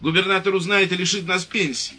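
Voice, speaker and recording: A man putting on a shrill, bossy old wife. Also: fairly even intonation, brisk, sharp tone. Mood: shrill indignant. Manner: shrill, scolding, cackling. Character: domineering huge shrill old wife, scolding.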